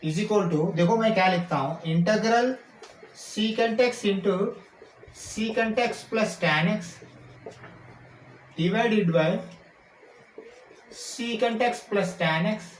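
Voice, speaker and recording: Male maths teacher, high voice, slow-paced explanations, roomy echo with faint background hum. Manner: checks in often with rhetorical questions; slows down to dictate formulas. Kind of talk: explaining calculus while writing. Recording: echoey room with faint ambient noise.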